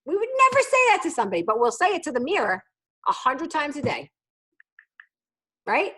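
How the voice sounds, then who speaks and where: A woman's voice: high-pitched, huge pitch swings, fairly quick, sharp tone. Blunt, teasing middle-aged woman trainer. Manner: blunt, teasing and jokey, mimics voices in quotes. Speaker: sales trainer leading a new consultant call. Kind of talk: casual motivational training talk on a video call.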